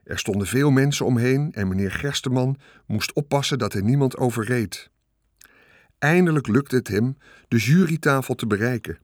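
A man reads a children's book aloud in a calm, measured way. His voice sits at a middle pitch. The recording is dry and close to the mic. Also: no echo. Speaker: audiobook narrator. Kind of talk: scripted narration.

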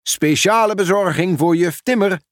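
A man's voice: fairly high pitch, sing-song, unhurried, dry recording, clean studio sound, pitched above the performer's own voice. A man voicing a cheerful, helpful village postman in a storybook reading.

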